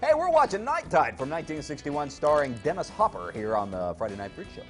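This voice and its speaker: A man hosting a late-night horror movie show, bantering wryly with his co-host. His voice swings widely in pitch, with soft music under it. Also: big pitch swings, a little fast. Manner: joking, wry. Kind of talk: casual banter.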